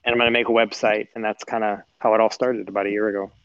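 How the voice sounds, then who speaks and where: A man's voice: fairly low pitch, level tone, rapid-fire, no room sound. Guest calling in, a man on a choppy Bluetooth cell line that drops out, muffled and dry, loose and apologetic. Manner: easygoing, apologetic, rambling with restarts. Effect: Bluetooth phone line cutting out. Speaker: podcast guest. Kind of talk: casual chat. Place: outdoors at home. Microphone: cell phone over Bluetooth.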